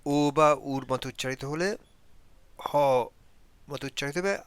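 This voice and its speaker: A man's voice: fairly high pitch, moderate pace, fairly bright tone, clear, resonant tone, no echo. A man from Bangladesh teaching pronunciation in a lesson, repeating example words one at a time. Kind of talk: explanatory lesson.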